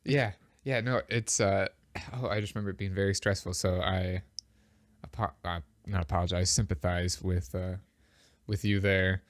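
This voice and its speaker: Deep-voiced man with a congested, blocked nose. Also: steady tone, normal speed, dry recording. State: unable to breathe through the nose, slightly breathless. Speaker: podcast host. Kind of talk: casual chat.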